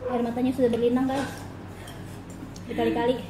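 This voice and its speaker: Slangy woman, fairly high, roomy sound. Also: flat delivery, a little fast. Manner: slangy, exclaiming. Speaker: mukbang video participant. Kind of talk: casual chat while eating. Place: small hard-walled indoor room at a table. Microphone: camera a short distance away. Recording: echoey room with faint noise.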